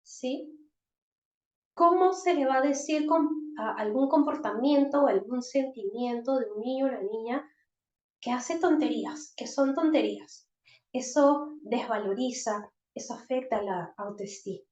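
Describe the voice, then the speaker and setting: A woman's voice: sits high, unhurried, darkish tone. A woman psychologist, explaining things in an online talk for parents and often checking in with her listeners. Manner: explanatory, frequent checking tags. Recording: roomy, dull online-call audio.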